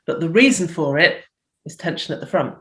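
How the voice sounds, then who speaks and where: A woman's voice: low-pitched, expressive, brisk. A middle-aged woman from the UK, a physiotherapist, giving health tips in a chatty interview and voicing little inner thoughts as she explains. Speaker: physiotherapist guest.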